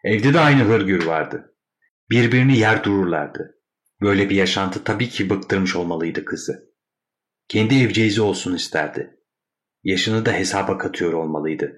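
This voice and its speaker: A man narrating a classic short story in a measured, wry storytelling manner. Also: low-pitched.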